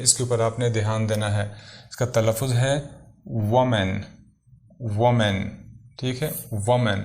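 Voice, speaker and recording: Man, English teacher, vocabulary lesson, slow repetition, mid pitch. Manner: slow, repeats each English word then gives its meaning.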